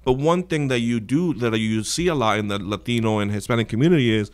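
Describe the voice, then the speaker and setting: An earnest man in his thirties from the Dominican Republic talks through his work as a guest on a studio podcast. He speaks close to a desk microphone at a middle pitch, often restarting his sentences as he explains. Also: quick pace. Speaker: real estate agent, guest. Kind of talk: podcast interview. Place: small studio with wood-panel wall. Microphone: desk mic on stand.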